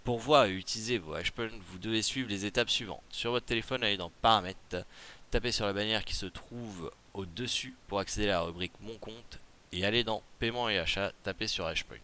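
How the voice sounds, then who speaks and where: A man's voice: fairly low pitch, a little fast, bright, forceful tone. A man with a Quebec French accent explains a game promotion in a casual tutorial, reading rules aloud and then chatting loosely with fillers and asides. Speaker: gaming video creator.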